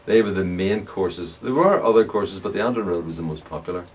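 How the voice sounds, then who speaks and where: A low-pitched, slightly fast voice comes from an older man from Northern Ireland, around 70 or above, speaking with an Ulster accent. Interviewed as a bicycle frame builder and veteran club racing cyclist, he reminisces casually. Clear background noise and a distant mic mark the recording.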